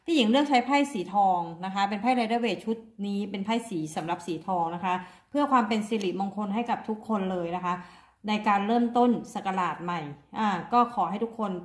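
A woman's voice: medium pitch, brisk. Chatty middle-aged woman reading tarot. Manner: chatty, repeats herself, warm-hearted pleas to viewers. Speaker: tarot reader. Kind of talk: casual tarot reading to viewers. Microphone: phone front camera. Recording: roomy echo.

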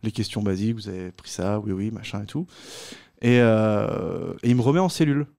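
A man's voice: lowish voice, brisk, gravelly, a little mellow. A young man, telling a story in a casual chat and animatedly doing the voices of the people in it. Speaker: comedian guest telling a story.

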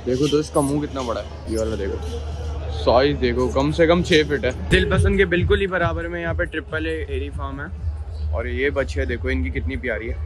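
A young man from Pakistan with a Karachi Urdu accent, giving excited casual vlog commentary while walking around an outdoor cattle show. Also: medium pitch, a little fast, music in the background. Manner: excited, exclaiming over animals. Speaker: vlogger.

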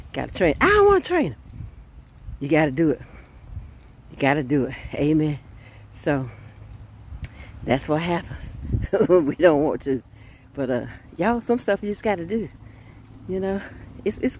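A woman, preaching a sermon in a lively folksy way and laughing often. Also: lowish voice, a little hiss or hum.

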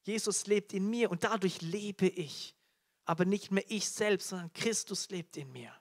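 A man's voice: sits high, unhurried. A man preaching a live sermon to a congregation, fervent, often calling out hallelujah and repeating key phrases. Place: church teaching event before a congregation.

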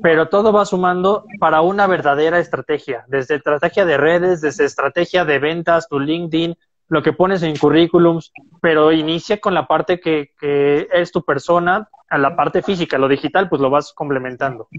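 A man's voice: on the high side, moderate pace, lo-fi sound. A man hosting a casual interview, friendly as he thanks and promotes his guest. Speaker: interview host.

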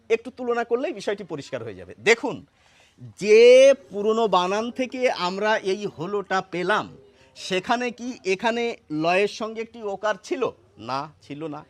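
A man explaining spelling rules step by step, asking and answering his own questions. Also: sits high. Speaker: Bengali spelling teacher. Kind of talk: explanatory lesson.

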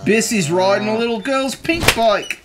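This expressive storybook reading comes from a man in his thirties on a couch in his living room, hamming it up with jokes and playful asides. He speaks at a moderate pace in a voice that sits high, over background noise.

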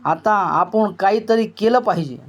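A brooding rebel leader speaks gravely in rustic dialect, voiced by a male narrator of a novel. The voice sits fairly high in a plain storybook reading tone. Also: measured pace, dull audio.

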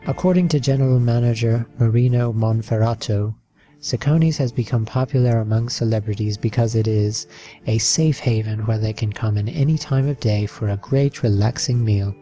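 A man's voice: medium pitch, moderate pace, mellow, faint music behind. Man reading a slideshow narration. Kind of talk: read-aloud narration over a slideshow.

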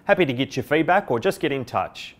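In an indoor office next to a window, a middle-aged Australian company presenter delivers a scripted explainer to camera through a lapel mic. His mid-range voice is expressive and brisk.

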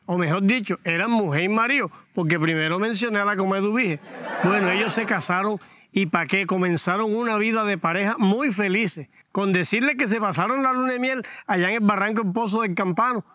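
A man spins a comic folk tale in a chatty, unhurried manner. His voice sits high and bright. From Colombia. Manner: chatty, folksy, drawn-out delivery with laughs. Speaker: storyteller.

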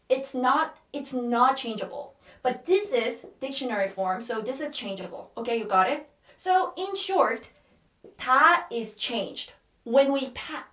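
A woman with a Korean accent teaching a language lesson, patiently repeating words slowly and often checking in with "Okay?". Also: a little high, fairly bright tone, echoey room, far from the mic.

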